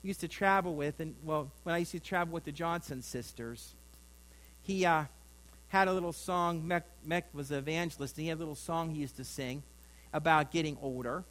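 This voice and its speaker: A man's voice: a little high, a little fast, fairly bright tone, poor audio. A middle-aged man preaching a sermon in a folksy, rambling way, with asides to his congregation. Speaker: pastor.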